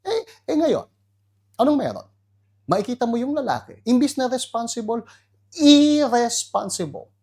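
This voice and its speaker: An animated male pastor with a Filipino accent preaches to an online audience. His voice leaps high for emphasis, then drops to quiet asides. He slips English phrases in as he talks. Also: normal speed.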